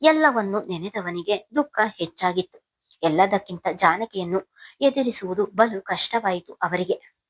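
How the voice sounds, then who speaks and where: A woman narrating a Kannada novel in a steady, solemn storytelling manner. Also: mid-range voice, unhurried. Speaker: audiobook narrator.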